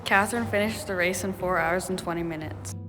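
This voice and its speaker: A woman's voice: fairly low pitch, over music. Woman narrating a documentary script. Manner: clear, measured read-aloud delivery.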